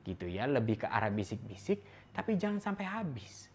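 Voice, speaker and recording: A man's voice: medium pitch, sing-song, brisk, a little mellow, slight background noise. A man giving an instructional talk on parenting, explaining patiently and demonstrating different tones of voice. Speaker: parenting educator.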